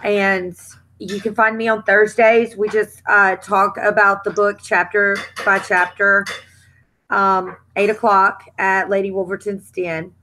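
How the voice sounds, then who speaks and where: Female stream host, relaxed casual delivery on a video call. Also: mid-range voice, a little slow, slight background noise, low-quality recording. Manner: relaxed, thanks viewers and wraps up the stream. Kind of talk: casual group chat.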